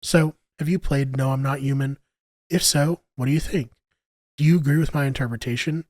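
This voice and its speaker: A man reading a scripted video review in a measured, explanatory way, recorded as a close-miked voice-over. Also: medium pitch, fairly even intonation, a little mellow, no room sound. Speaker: video game reviewer and channel host.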